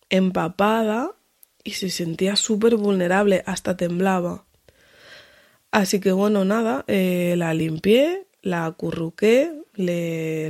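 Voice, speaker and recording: A woman from tells a personal story as a podcast host. She narrates in an animated way and jumps to a higher voice whenever she acts out dialogue. Her voice sits at a middle pitch for a woman.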